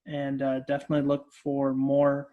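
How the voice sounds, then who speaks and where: A man co-hosting a podcast, explaining things and giving announcements in a steady, plain way. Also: medium pitch, normal speed, lo-fi sound. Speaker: podcast co-host. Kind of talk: casual chat.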